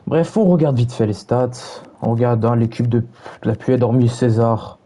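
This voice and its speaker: A man's voice: medium pitch, normal speed, mellow. Brash, mocking young man streamer. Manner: mocking, taunting chat, brash slang. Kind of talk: casual stream chat.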